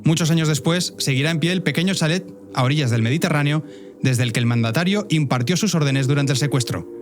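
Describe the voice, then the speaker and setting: A man's voice: a little high, fast talker. A man from Spain hosting a scripted narrative podcast, wry and addressing listeners directly with conversational asides. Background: faint music bed.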